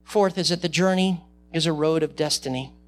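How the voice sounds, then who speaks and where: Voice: mid-range voice, fairly quick, a little hiss or hum. A pastor preaching a sermon and reading scripture aloud, repeating key phrases for emphasis and asking the listeners rhetorical questions.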